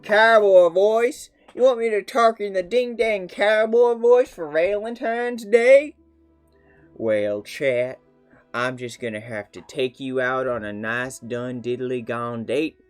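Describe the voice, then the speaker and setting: A man's voice: mid-range voice, flat delivery, slow, fairly bright tone, clean tone, soft background music, pitched below the performer's own voice. A man putting on the voice of a flirty cowboy with a folksy, playful drawl.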